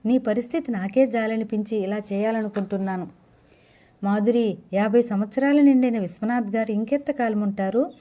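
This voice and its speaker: A woman's voice: fairly high pitch, moderate pace, warm tone, close to an everyday voice. A woman reading the part of a kindly woman doctor who explains things patiently and reassuringly.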